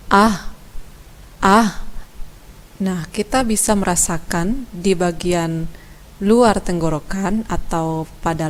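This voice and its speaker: A woman teaching Quran recitation from Indonesia, explaining letter sounds slowly and demonstrating them. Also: lowish voice. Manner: slow, measured, demonstrating sounds. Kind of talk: instructional explanation.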